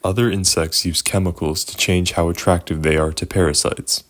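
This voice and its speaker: A man co-presenting scripted educational narration in a measured, expository manner. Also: low-pitched, steady tone.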